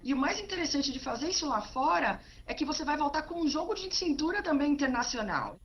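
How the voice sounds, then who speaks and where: A woman's voice: high voice, very animated, fairly quick, highs cut off. A woman speaking for a survey in a news interview, explaining assertively. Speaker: survey spokesperson.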